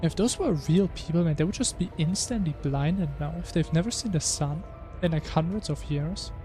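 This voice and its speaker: Emotional male streamer, fairly high voice. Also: normal speed, mellow, faint music behind. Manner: emotional, keeps saying "man". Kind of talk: casual game commentary.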